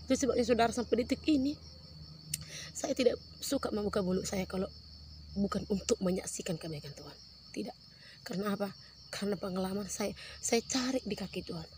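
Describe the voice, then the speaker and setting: A woman's voice: medium pitch, a little fast, pauses often, darkish tone, slight background noise. A woman giving an earnest testimony in a sermon, often turning to address the congregation.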